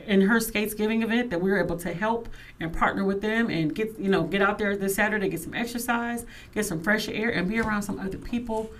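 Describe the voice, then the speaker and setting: An energetic woman hosts a casual talk show from her studio. She talks with emphasis and drive, and she sounds a little forceful even when she is thanking people. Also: mid-range voice. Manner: emphatic and animated, says she sounds aggressive. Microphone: studio microphone.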